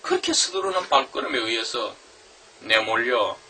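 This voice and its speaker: Male lecturer, lively pitch, bright tone, slightly distant mic with faint room noise. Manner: animated, rhetorical questions, reads English lines slowly. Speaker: literature lecturer. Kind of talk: classroom lecture on a novel.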